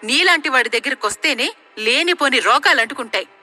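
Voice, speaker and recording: A woman voicing a proud young woman, a priest's daughter, who talks in a scornful, sharp-tongued way. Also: high-pitched, expressive, fairly quick, pitched above the performer's own voice, exaggerated voice.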